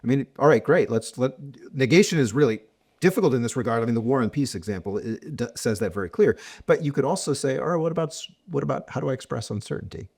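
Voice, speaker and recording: A middle-aged mathematician, guesting on an academic podcast interview, speaks fast in a medium-pitched voice that is gravelly, darkish and slightly rough. He explains ideas thoughtfully, often restarting and reaching for examples.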